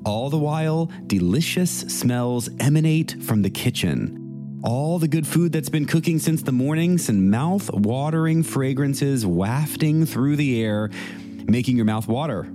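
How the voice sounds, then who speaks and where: Priest reading over soft music. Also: male voice. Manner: measured, gentle reading voice with lively pitch. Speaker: priest leading a meditation. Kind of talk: reflective meditation and scripture reading. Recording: music playing underneath the voice. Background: soft instrumental music.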